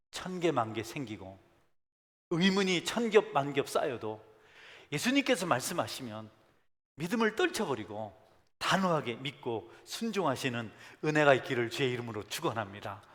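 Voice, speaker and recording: A man delivers a sermon in a church sanctuary. His lively voice rises and falls widely, pressing hard on key phrases and then dropping low. A long hall reverb trails each phrase. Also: normal speed. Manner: animated preaching that swings from soft asides to emphatic calls. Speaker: pastor.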